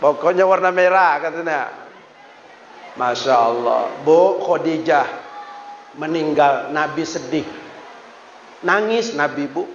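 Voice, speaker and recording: Man, village preacher, high slow voice, teasing, lo-fi echoey hall recording. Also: slight background noise. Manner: joking, addresses audience, sing-song rhymes. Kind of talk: village sermon with humor. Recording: echoey hall, dull lo-fi sound.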